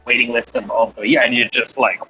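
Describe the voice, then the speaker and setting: A man's voice: mid-range voice, fairly even intonation, fast, sharp tone, soft background music, poor audio. A man, a glass artist, guesting on a podcast, talking in a loose, profane way with many fillers and restarts. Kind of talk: casual chat.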